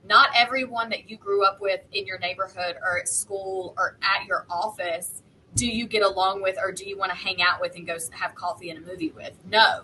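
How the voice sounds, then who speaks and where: Woman chatting in a group, bright forceful voice, pretty frank, some background noise. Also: medium pitch, fairly even intonation, fairly quick, rough recording. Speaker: online content creator and panelist. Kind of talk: casual group discussion.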